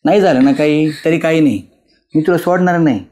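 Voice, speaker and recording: A tender rural husband, played by a man, comforts his wife in a village web drama. His voice sits a little high for a man, and he speaks in soothing, repetitive reassurances. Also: a little fast, dark tone, close to an everyday voice. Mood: consoling.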